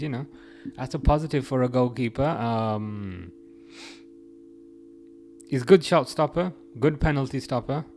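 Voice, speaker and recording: On a casual football stream, a young host reads chat messages aloud and wanders through his ideas, frequently starting over. His voice sits at a medium pitch with some vocal fry.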